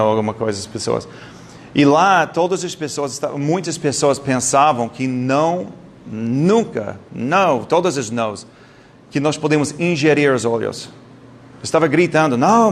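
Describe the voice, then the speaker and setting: A man's voice: on the high side, a little hiss or hum. Man lecturing a live audience. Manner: lively storytelling, quizzes the audience, occasional non-native slips.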